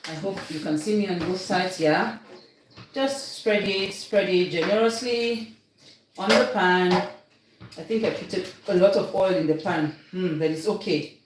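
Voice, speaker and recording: A Cameroonian woman hosts a cooking livestream, casually demonstrating baking in a chatty, instructive way with a Cameroonian English accent and frequent check-ins with viewers. She talks at a measured pace in a fairly low voice, recorded in a very echoey room with faint noise.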